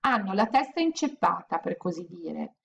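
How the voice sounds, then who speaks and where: A wise, playful magical wolf, as a woman reading puts him on, speaking calmly and slowly like a storyteller. Her voice keeps a gravelly texture. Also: lowish voice, highs cut off.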